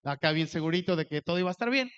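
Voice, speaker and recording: High-voiced man preaching a lively sermon. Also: rapid-fire, clean tone, lo-fi sound. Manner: animated storytelling, acts out quoted dialogue. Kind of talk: sermon with personal story.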